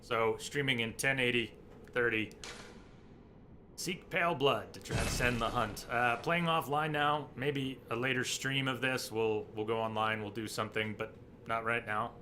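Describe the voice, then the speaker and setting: A man's voice: medium pitch, steady tone. Man casually streaming, noisy background. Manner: halting, thinking aloud. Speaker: video game streamer. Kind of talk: casual live gameplay commentary. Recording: noisy, game sound behind voice.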